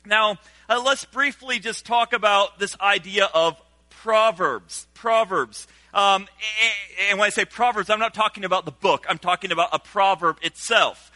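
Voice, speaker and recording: A pastor who grew up in Senegal preaching a sermon, animated and engaging the congregation with call-and-response. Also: male voice, high voice, measured pace, no echo.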